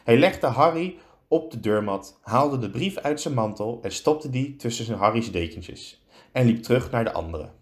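A male teacher reading a children's story aloud with lots of expression. He stretches words out for effect and keeps a medium pitch. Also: animated, moderate pace.

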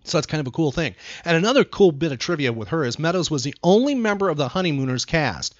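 Quick and lively, with a voice on the high side, an American podcast host quizzes listeners in a casual trivia chat, asking questions and laying out facts in brief phrases. The sound is dry and a bit dull, with a lo-fi quality.

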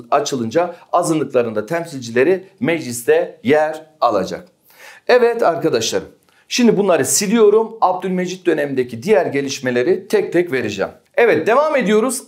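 A man teaching an exam-prep history lesson, often asking his students questions and answering them himself. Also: fairly high pitch.

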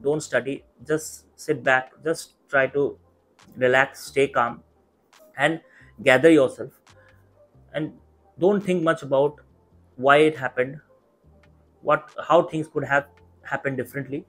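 Young Indian-accented man, calm advice. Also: mid-range voice, slow, pauses often, soft background music. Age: young adult. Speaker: YouTube mentor for medical exam students. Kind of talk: earnest direct-to-camera advice talk. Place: small indoor study room. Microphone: clip-on lapel mic.

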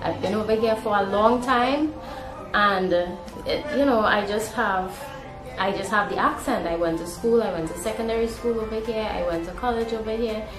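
Talking informally to the camera, a young adult vlogger with a Trinidadian accent, originally from Guyana and now in Trinidad, records indoors at home. She speaks in a mid-range voice at a moderate pace, over background music with a roomy echo.

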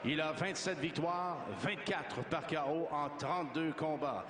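A middle-aged man announces from a boxing ring in a formal, ceremonious style. His voice sits fairly high and echoes through a big arena, with clear noise around it. He stretches names out grandly as a ring announcer does. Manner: ceremonious, drawn-out delivery of names. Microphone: handheld microphone.

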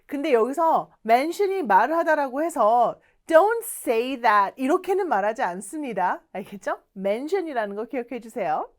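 Woman, English teacher, high voice, unhurried, playful. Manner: lively, coaxing, acts out little dialogues. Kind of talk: online English lesson for Korean learners.

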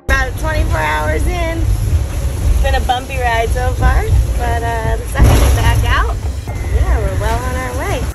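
Tired woman sailor, slow and somewhat high, loud music under her. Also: rough recording. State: short of sleep. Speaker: sailing crew member. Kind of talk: casual on-board chat.

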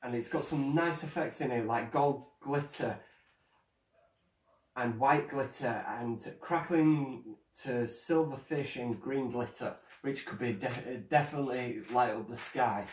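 A man hosts a casual show-and-tell vlog, talking in a hesitant, stumbling way, like someone new to the camera. His voice sits at an ordinary middle pitch. It rings in a roomy space and sounds set back from the mic. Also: unhurried, a little mellow, recorded from a distance. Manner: hesitant, stumbling first-timer. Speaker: fireworks vlogger.

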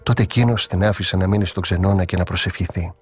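A man reading a devotional story aloud in slow, measured scripted narration. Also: low voice, fairly even intonation, a little mellow, slightly rough. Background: faint background music.

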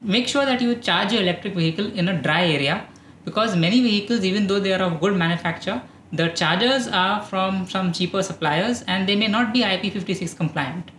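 Indian English male host, 30s, steady informative read, roomy room, slight hiss. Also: high-pitched, brisk. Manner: calm, informative, steady delivery. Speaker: EV channel host. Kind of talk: explainer talking to camera. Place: dark studio, indoors.

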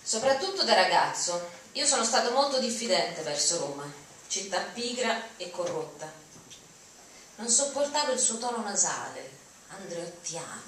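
This woman reads a written piece dramatically from an auditorium podium, her voice medium in pitch and fairly bright. Picked up from the audience side via the podium mic, the sound is far off, noisy, and very echoey.

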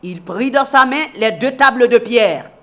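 A man with a strikingly high voice teaches the Bible on television. He reads scripture aloud and turns to the viewers, then swings from loud emphatic declaring to hushed, low asides. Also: animated, measured pace.

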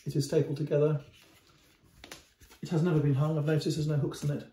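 A middle-aged man with a mellow, relaxed voice talks through a painting for the camera, unscripted, with frequent repeated words and restarts. He is filmed at close range indoors, and the room gives his voice a noticeable echo. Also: on the high side, fast talker, a little hiss or hum. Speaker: antiques dealer. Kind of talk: casual video commentary on a painting. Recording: roomy echo.

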